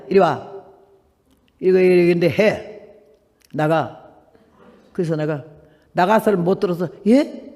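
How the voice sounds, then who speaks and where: A woman in her eighties, a missionary preacher, giving a lively testimony sermon and acting out the people in her story with big jumps in pitch and loudness. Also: long reverb tail. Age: 80s.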